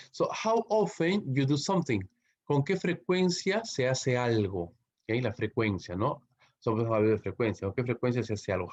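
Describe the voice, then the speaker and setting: A man with a Peruvian Spanish accent teaches English grammar in a mid-pitched voice, reading the English examples slowly and then translating them. He keeps checking that his students follow with a quick tag question after each point. The recording sounds dull and lo-fi. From Peru.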